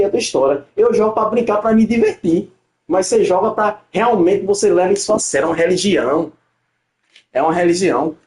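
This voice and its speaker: A man's voice: a little high, darkish tone. A young man, a gaming streamer bantering on a live stream, teasing and mocking with frequent laughs. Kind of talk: livestream banter while playing. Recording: roomy echo.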